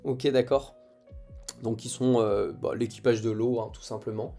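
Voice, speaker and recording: A young man giving casual commentary as he opens trading card packs, reacting excitedly to each card as it comes. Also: mid-range voice, a little slow, gravelly, faint music behind. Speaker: card collector opening booster packs. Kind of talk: casual pack-opening commentary.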